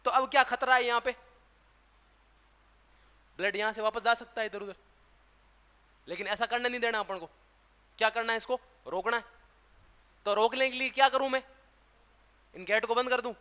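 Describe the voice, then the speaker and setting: A man's voice: extremely high pitch, normal speed, long pauses, pushed and bright, smooth. A man teaching a classroom lecture with a Rajasthani Hindi accent, who keeps asking questions and answering them himself. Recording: long hall reverb.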